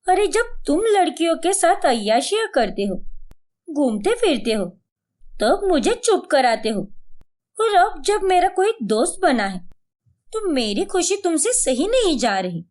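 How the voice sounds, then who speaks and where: A woman's voice: extremely high pitch, big pitch swings, measured pace, a little mellow, heavily acted. A woman voicing a young wife in a cartoon story who answers her husband sharply. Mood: defiant. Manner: retorting sharply.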